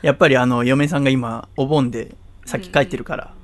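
A man's voice: mid-range voice, fast. A man hosting a radio talk show in casual chat, teasing and laughing often.

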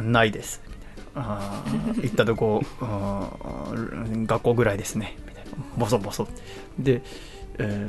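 A man hosting a radio show, casually telling a long personal story, laughing often and acting out what others said. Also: medium pitch. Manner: animated, laughs often while telling, acts out quoted lines.

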